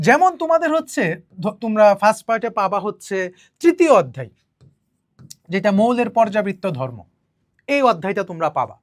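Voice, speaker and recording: A woman chemistry teacher with a Bangladeshi Bengali accent, giving an exam-prep lesson slowly and deliberately, often repeating herself and checking in with students. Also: medium pitch, big pitch swings, dry recording, studio quality.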